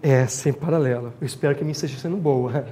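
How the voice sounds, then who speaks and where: A man's voice: medium pitch, fast, mellow, a little hiss or hum. A man teaching an exam-prep grammar lecture, explaining step by step and often checking in with the class. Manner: explanatory, checks in with tag questions.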